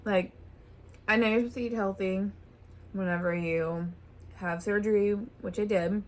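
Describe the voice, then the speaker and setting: A woman's voice: mid-range voice, steady tone, moderate pace. A woman hosting a vlog, chatting casually while eating a meal at home. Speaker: vlog host. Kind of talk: casual chat over a meal.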